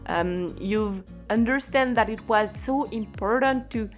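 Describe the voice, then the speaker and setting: Soft music plays in the background while a woman at a medium pitch teaches an online language lesson. Her pace is slow and patient as she explains, stretching key words and laughing lightly every so often.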